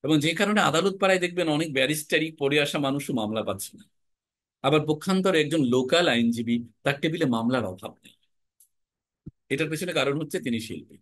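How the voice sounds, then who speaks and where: A young man from Bangladesh teaching a class on recitation and speech, lively and animated, often dropping into regional dialect examples. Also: fairly high pitch, no room sound. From Jhenaidah, Bangladesh. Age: young adult. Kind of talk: classroom lecture.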